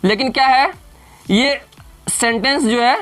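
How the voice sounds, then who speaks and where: Male tutor, self-questioning style, slow letter-by-letter spelling for a grammar class. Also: extremely high pitch, fairly bright tone, soft background music. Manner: keeps posing questions and answering them himself. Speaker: teacher.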